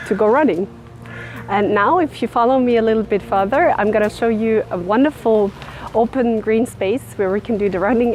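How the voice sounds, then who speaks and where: Speaking with a medium pitch and a darkish timbre, a woman from Austria talks to the camera while running and guiding a tour on forest trails and in a park. Her accent is Austrian German, the chat is casual, and a faint hiss or hum sits under the recording.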